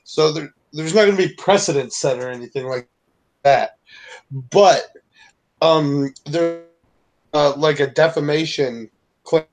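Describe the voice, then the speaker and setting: Man, slightly high voice, casual and profane, on a glitchy mic that keeps cutting out; swings between quiet and loud. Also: unhurried, pauses often, low-quality recording. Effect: choppy mic that keeps cutting out, going quiet then loud. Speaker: panelist on an online talk show.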